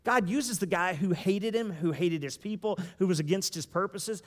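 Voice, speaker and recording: Animated male pastor in a reverberant hall. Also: sits high, moderate pace. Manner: animated, conversational, joking asides. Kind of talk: sermon.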